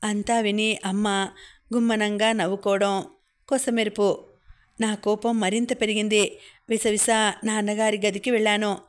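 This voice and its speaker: A woman narrating a novel in the first person as an audiobook reader, with steady, measured storytelling. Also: mid-range voice.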